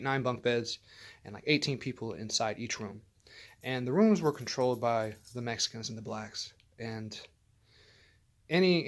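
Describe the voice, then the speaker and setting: A man of middle pitch tells a personal story straight to the camera. His delivery is loose and rambling, full of fillers, restarts and frequent profanity. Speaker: vlogger.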